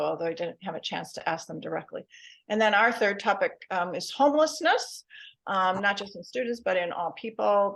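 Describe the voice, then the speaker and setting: A woman's voice: on the low side, gravelly, fairly bright tone. A woman reporting her group's topics at a member meeting, hesitant with many fillers.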